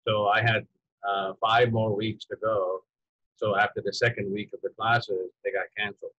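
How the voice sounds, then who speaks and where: A low, flat-voiced man in his fifties from Iran speaks haltingly on a video call, restarting his sentences again and again. The audio is dull and lo-fi, with a dry, close sound. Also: slightly rough, dry recording. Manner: hesitant, halting with many restarts and fillers. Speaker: photographer and photography teacher. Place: home room with dark curtain. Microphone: video call computer mic.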